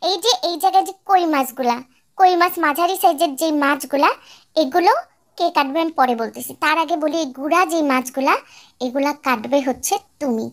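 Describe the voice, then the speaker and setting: A woman's voice: high voice, brisk. A woman putting on a harsh, bossy older mother-in-law. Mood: scolding. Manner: harsh, nagging, abusive scolding. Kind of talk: fan-dub radio drama.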